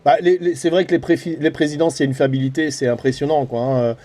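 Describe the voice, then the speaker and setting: A fast talker with a steady, warm voice that is a little high, this middle-aged man from France chats casually and colloquially on CB radio. He operates CB as a hobby and is a vlogger.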